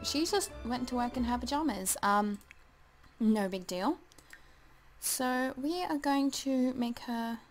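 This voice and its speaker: A woman's voice: a little high, slight background noise, low-quality recording. A woman casually commenting as she plays a life simulation game, chatty and hesitant, full of ums, and talking to the game characters. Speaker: let's play gamer.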